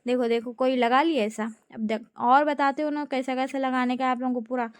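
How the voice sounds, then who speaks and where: A woman's voice: sits high, fairly even intonation, fairly quick, clear, resonant tone, no echo. A young woman narrating her family vlog in a chatty, giggly way. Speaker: family vlogger. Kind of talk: casual vlog voice-over.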